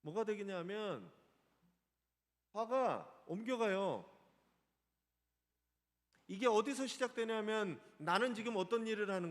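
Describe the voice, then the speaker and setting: A man's voice: high-pitched, in a large hall. A male pastor preaching a Sunday sermon in a church sanctuary, asking the congregation questions. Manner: animated, asks the congregation questions.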